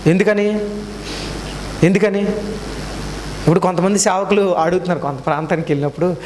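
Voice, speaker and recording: A high-voiced man preaching to his congregation, asking question after question. He rises into loud calls, then drops to low, quiet remarks. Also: steady tone, normal speed, noisy background. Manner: swings between loud raised calls and low quiet asides. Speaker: pastor. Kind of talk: sermon.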